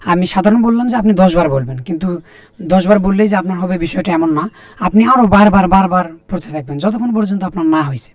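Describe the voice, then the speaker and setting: A man teaching Quran letter pronunciation, saying each sound again and again slowly and telling learners to copy him. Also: high-pitched, darkish tone, dry recording. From Bangladesh. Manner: repeats each letter sound several times, slow and deliberate; talks directly to learners, plain and encouraging. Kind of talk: recorded lesson on Arabic letter pronunciation.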